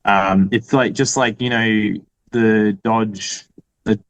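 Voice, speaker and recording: A man's voice: on the low side, steady tone, slow, rough recording. A man with an Australian accent, talking casually as a podcast guest, rambling with lots of fillers and restarts. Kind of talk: casual conversation.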